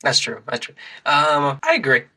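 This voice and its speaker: A man's voice: a little high, huge pitch swings, normal speed, bright, forceful tone, low-quality recording. A man hosting a casual podcast chat, laid-back and chuckling as he asks questions. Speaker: podcast host.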